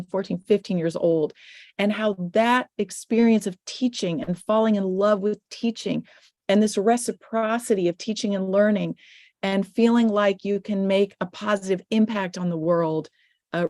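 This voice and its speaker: A middle-aged woman, a guest filmmaker on an online panel, answers questions thoughtfully, sometimes restarting phrases. Her medium-pitched voice is mellow, captured in a dry, studio-quality recording.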